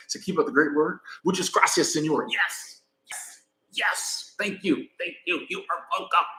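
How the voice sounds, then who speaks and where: A laid-back American vlogger traveling in Mexico chats in a casual live stream, rambling along and thanking viewers by name. His voice is a little high, and the poor-quality audio carries the echo of the room.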